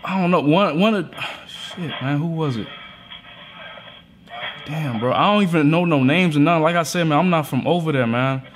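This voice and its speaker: With a slightly high voice at a moderate pace, a young American vlogger from Atlanta makes prank calls and chats slangily at home in his living room. Noise fills the background.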